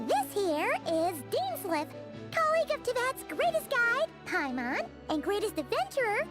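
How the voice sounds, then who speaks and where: Casting: excitable tiny game fairy, very high childlike squeak, animated delivery. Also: female voice, moderate pace, loud music behind the voice. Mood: pleased, boastful. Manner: squeaky, exclaiming, refers to herself by name. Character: tiny excitable floating fairy guide girl, boastful and childlike. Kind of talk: video game voice acting.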